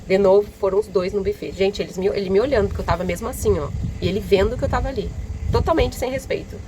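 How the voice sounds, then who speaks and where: A woman's voice: mid-range voice, fast. A young Brazilian woman vlogger telling a story in a casual, indignant way, acting out what people said. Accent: Brazilian Portuguese. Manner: indignant, animated retelling with quoted dialogue. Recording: loud vehicle noise behind.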